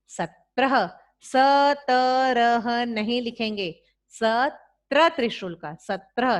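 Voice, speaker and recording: An Indian woman teacher giving an online lesson to young children, speaking slowly and drawing out each number so they can repeat after her. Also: fairly high pitch, a bit bright.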